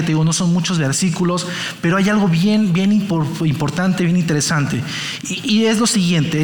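A man's voice: high-pitched, reverberant. A man preaching a sermon to a live congregation, asking them questions and counting raised hands. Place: church hall with an audience.

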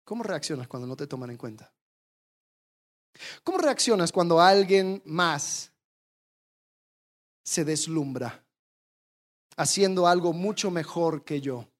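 A preacher delivering a sermon, animated, asking the congregation rhetorical questions and acting out the attitudes they describe. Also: medium pitch, takes it slowly, long pauses. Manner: animated, acts out quoted attitudes.

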